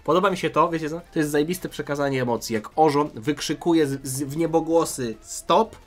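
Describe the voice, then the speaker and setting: A man reading a fan comic aloud with excitable, jokey reactions and casual swearing. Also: a little high, fast talker. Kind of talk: comic read-through with reactions.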